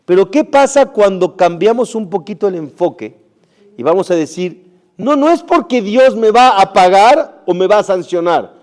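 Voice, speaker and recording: A middle-aged rabbi giving a Torah sermon, emphatic, with rhetorical questions and Hebrew terms mixed in. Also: male voice, a little high. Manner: emphatic, rising and dropping loudness, rhetorical questions to the audience; sprinkles Hebrew terms into Spanish.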